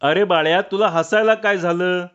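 A man's voice: sits high, normal speed, fairly bright tone, clear, resonant tone, pitched above the performer's own voice. Mischievous young prankster lad, sly and teasing, as a man reads him out, slightly raised and dull lo-fi.

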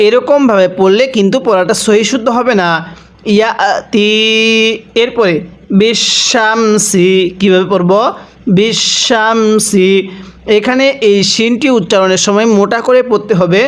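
Slow, clear-voiced male Quran teacher. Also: sits high, steady tone. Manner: slow, drawn-out syllable-by-syllable recitation with brief spoken explanations; addresses viewers directly, asks them to repeat after him. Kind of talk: spelling-out Quran recitation lesson.

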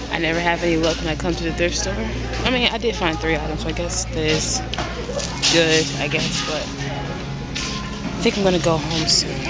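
A woman chatting casually in a vlog, rambling and laughing often as she talks. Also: lowish voice. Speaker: vlogger. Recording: loud background noise.

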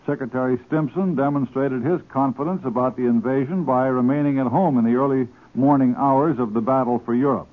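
A man giving a formal, steady wartime news report as a correspondent, heard through an old 1940s radio broadcast. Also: mid-range voice, narrow, tinny audio.

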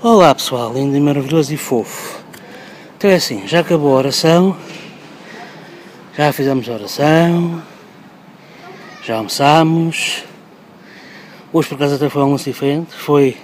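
A man's voice: fairly high pitch, slight background noise, poor audio. A man in his thirties with a European Portuguese accent, chatting upbeat to his phone at arm's length outdoors on a street. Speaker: vlogger. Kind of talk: casual vlog.

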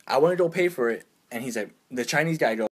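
A man's voice: mid-range voice, expressive, fast, breathy edge. A young man telling everyday stories in a casual, exasperated rant, acting out other people's lines in a raised voice. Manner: exasperated, uses slang. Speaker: vlogger.

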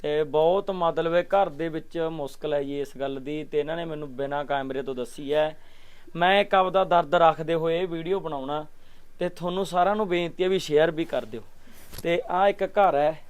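A man's voice: a little high, a little mellow, smooth. A young man with a handheld mic, pleading again and again on camera for help for a poor village family. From Punjab, India. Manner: pleading, repeats requests to share and help. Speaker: charity vlogger. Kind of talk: vlog appeal. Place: outdoors at a village home.

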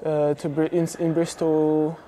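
A man's voice: on the high side, unhurried. A young man from France whose first language is French, talking casually in an interview with lots of yeahs, recorded on a lapel mic in an indoor training hall. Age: young adult. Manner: relaxed, many fillers and repeated yeahs. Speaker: footballer guest. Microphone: clip-on lapel mic.

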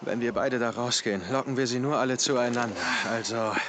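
A man's voice: mid-range voice, steady tone, brisk, lightly acted. A man playing a rugged, reckless survivor of a zombie wasteland in a video game. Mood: wary, determined. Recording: loud game noise over the voice. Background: loud game ambience.

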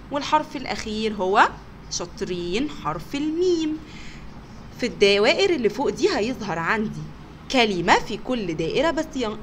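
A woman with an Egyptian Arabic accent teaching kindergarteners, sounding out words slowly and praising them often. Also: medium pitch, slight background noise. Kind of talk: recorded online lesson for young children.

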